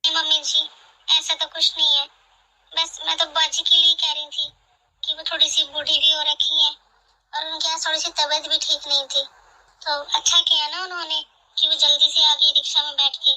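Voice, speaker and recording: A woman voicing a kind young daughter-in-law in an animated family drama, speaking gently and earnestly. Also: high-pitched, normal speed, low-quality recording. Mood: pleading.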